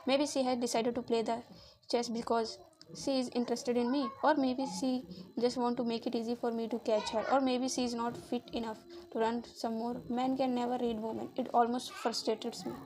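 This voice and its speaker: A woman reading a romance novel aloud in a steady, even way, now and then stumbling and re-reading a word. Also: on the high side, moderate pace, rough recording. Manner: steady, even read-aloud delivery with small slips and re-reads. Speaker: audiobook reader.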